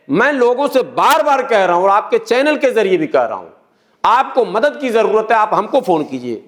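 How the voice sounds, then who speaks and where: High-voiced man explaining earnestly. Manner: earnest, explaining with repeated phrases. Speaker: interview guest. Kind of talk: political interview talk.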